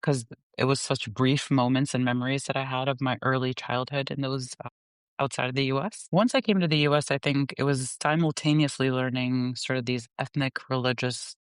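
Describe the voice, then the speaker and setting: A woman guest who grew up in the Gulf, Pakistan and the US, talking candidly and reflectively in an interview, laughing softly between thoughts. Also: very deep voice, steady tone, clean tone, no room sound. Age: adult. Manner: reflective, unhurried, laughs softly mid-sentence.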